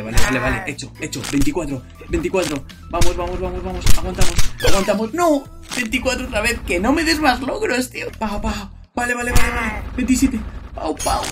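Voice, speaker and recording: A young man from with a high, animated voice rattles off rapid, frantic gameplay commentary, repeating words in bursts and breaking into shouts. Music plays clearly behind him throughout.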